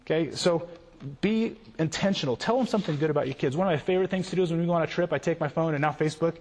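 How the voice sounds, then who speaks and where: A man speaking as a youth pastor, telling stories in an animated way and often repeating himself. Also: a little high, very fast. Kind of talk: storytelling conference talk. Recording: long hall reverb.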